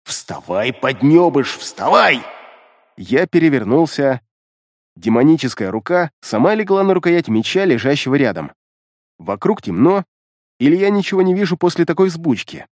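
A man reading a first-person fantasy audiobook in an expressive, dramatic way. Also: a little high, normal speed, no room sound, studio quality. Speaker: audiobook narrator.

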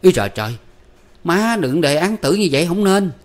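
A sheepish yet hot-tempered young son, as a male narrator does him, pitched up and loud. He pleads and protests in a storybook reading. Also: lively intonation, moderate pace, lightly acted. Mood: defensive. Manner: pleading, defensive.

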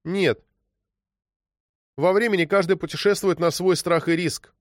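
A man voicing a stubborn, tearful ten-year-old girl who pleads in a high voice. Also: steady tone, unhurried, no echo, studio quality. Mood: plaintive.

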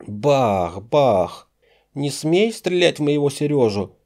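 A man reading an audiobook voices a terrified young woman whose cries break into a shrill falsetto. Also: steady tone, normal speed, mellow, smooth, natural voice. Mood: frantic.

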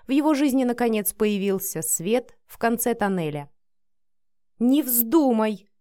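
A woman reads a novel aloud in a steady, measured manner. Her voice is fairly high, and the recording is dry and close to the mic with no room sound. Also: clean tone, no echo. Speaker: narrator. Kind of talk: audiobook narration.

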